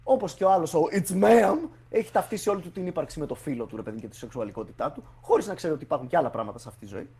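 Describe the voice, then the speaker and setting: Husky, animated man in casual chat. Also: on the high side, hardly any pauses. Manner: animated, argumentative, mixes in English slang.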